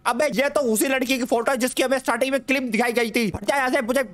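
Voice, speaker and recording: A man's voice: very high voice, steady tone, quick pace, a bit bright. A young man giving comic horror game commentary, rambling and jokey, taunting the game's ghosts, repeating words in nervous streams and yelping in fright. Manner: yelps in fright. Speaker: gaming YouTuber.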